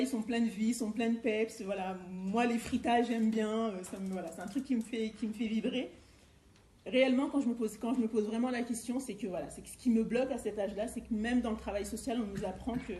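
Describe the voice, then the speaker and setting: A middle-aged woman from France's Eure-et-Loir region, once a youth educator and now a life coach, presents personally at a seminar in a chatty, storytelling way. Her mid-range voice is a little mellow. The indoor room gives the recording a roomy echo with faint background noise.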